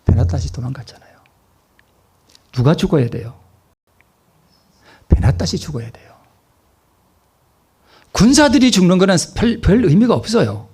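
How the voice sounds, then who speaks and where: Pastor guy preaching, husky voice, kinda high, keeps asking the crowd stuff then answering it. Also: sing-song, normal speed, long pauses, a little mellow. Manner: asks the congregation questions and answers them himself; repeats key phrases for emphasis. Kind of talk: sermon.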